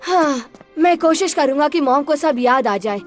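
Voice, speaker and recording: Brief: woman as a young cartoon boy who is clever and earnest. Very high, eager and chatty. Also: lively intonation, moderate pace, soft background music. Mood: worried. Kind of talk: animated cartoon dubbing.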